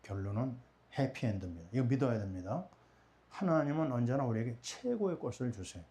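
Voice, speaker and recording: A middle-aged man delivers a Sunday sermon in a warm, mellow voice at an ordinary pitch. He keeps posing questions to the congregation and answering them himself. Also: lively intonation, brisk. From Korea. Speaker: pastor.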